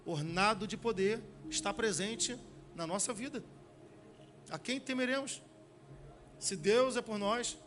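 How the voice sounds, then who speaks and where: A man preaching a sermon as a pastor with a Brazilian Portuguese accent, talking in restarts and rhetorical questions, then slowing and swelling on key phrases. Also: high voice.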